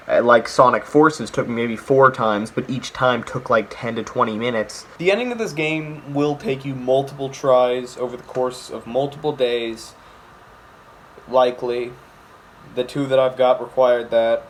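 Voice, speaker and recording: A man's voice: mid-range voice, a little hiss or hum. Sarcastic young man ranting about games. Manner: sarcastic, jokey, rants with mock outrage. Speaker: video game reviewer. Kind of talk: casual comedic game review.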